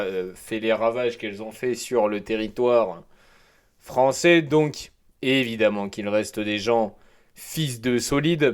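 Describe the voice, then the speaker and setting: Male solo show host, mid-pitched, opinionated monologue, punchy listed points, hesitant fillers. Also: clear, resonant tone. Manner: opinionated, provocative, wordplay asides, frequent "euh" fillers.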